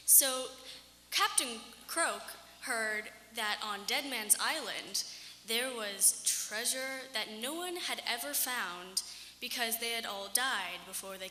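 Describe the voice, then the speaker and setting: A woman with a bright, fairly high voice tells a tall tale at a slow, halting pace. She sounds like she is improvising, in a reverberant hall with faint noise. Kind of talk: folksy tall tale storytelling, narrated on stage. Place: indoor hall at a storytelling contest. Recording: echoey, noisy hall.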